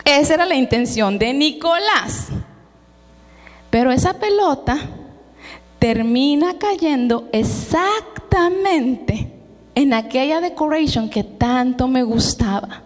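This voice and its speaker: A woman's voice: high-pitched, lively intonation, measured pace. A middle-aged Mexican woman giving a personal testimony sermon, telling it with emotion and mixing in English words. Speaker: preacher. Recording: long hall reverb.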